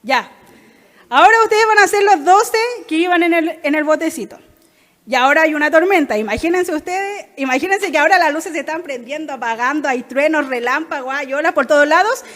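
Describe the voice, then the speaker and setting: A woman preaching with a very high, bright voice. She tells the story with animation and calls people from the congregation to act it out. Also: brisk, rough recording. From Chile. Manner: animated storytelling, directing the congregation, laughs often. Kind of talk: lively interactive sermon.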